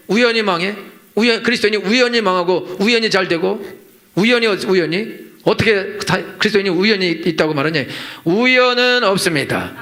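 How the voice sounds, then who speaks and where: A man's voice: high-pitched, sharp tone. A middle-aged man preaching a Sunday sermon as senior pastor in a church, emphatic and rhetorical, repeating his points and acting out the complaints of his listeners. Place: church sanctuary.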